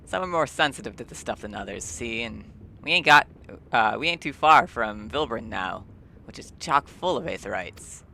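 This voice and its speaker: A man voicing a talkative old male ship merchant, gruff and rambling. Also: mid-range voice, lively intonation, moderate pace, sharp tone, a little hiss or hum, heavily acted. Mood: chatty. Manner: gruff and rambling, drops dialect words.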